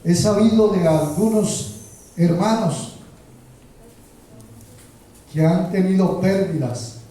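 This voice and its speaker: A male pastor delivering a slow, emphatic sermon and asking rhetorical questions of the congregation. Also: sits high, dark tone. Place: church sanctuary. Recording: roomy echo, heard from a distance.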